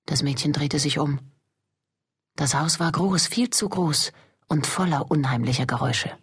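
Low husky woman reading a story. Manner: measured storytelling. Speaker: audiobook narrator. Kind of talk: scripted narration.

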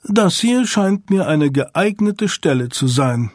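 A man voicing a suave, coldly courteous male agent in an audiobook, speaking softly with quiet menace. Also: high-pitched, lively intonation, dry recording, studio quality, pitched above the performer's own voice, exaggerated voice. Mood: silky menace. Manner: soft, courteous, unhurried.

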